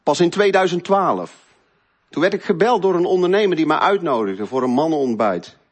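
A middle-aged man telling an earnest, emotional personal faith testimony, moving between loud stretches and hushed ones. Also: on the high side, lively intonation, normal speed, slightly rough. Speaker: speaker giving a faith testimony.

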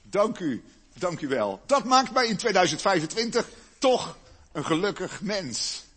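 Husky preacher telling a Bible story. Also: male voice, very animated, measured pace, a bit bright. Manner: storytelling, rising to emphatic high bursts. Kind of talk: sermon retelling a Bible story to a congregation with children.

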